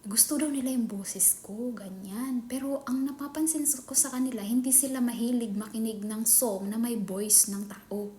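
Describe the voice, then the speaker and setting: A Filipino woman chatting casually in a vlog, often dropping into a hushed whisper. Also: a little high, steady tone, normal speed, few pauses. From Philippines. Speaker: nanny vlogger. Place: employer's home. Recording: echoey room with faint ambient noise.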